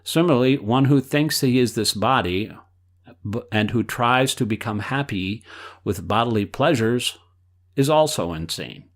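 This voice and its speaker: A man reading aloud the answers of an elderly male spiritual teacher, in a measured way that speaks the quote marks aloud. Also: mid-range voice, lively intonation. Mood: explaining.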